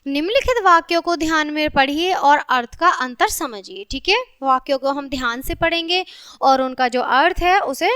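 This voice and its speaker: Woman teaching kids grammar, high bright voice, dry close sound, keeps checking in with the class. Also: expressive, normal speed, no echo. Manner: repeats "ठीक है" as a check-in, reads example sentences aloud. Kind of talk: classroom grammar lesson for children.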